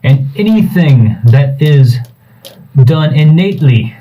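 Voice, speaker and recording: A man, the game master, voicing a stern male city gatekeeper who lays down the laws slowly and firmly. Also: fairly high pitch, lively intonation, warm tone, rough recording.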